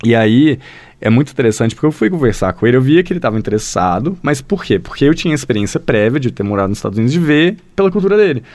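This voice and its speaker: Speaking very fast in a mid-range, slightly mellow voice with big pitch swings, this man has a Brazilian Portuguese accent and founded a language school. As a guest in a casual podcast chat, he rambles through stories, fills gaps with fillers and keeps talking to the listener. There's no room sound.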